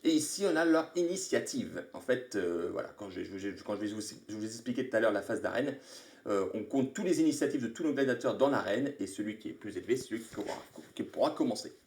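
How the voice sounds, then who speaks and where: A man's voice: on the low side, animated, fast, a little mellow. Chatty man explaining game rules. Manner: chatty, thinks aloud, greets viewers mid-explanation. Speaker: live-stream host. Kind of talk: casual board game rules explanation on a live stream. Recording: echoey room.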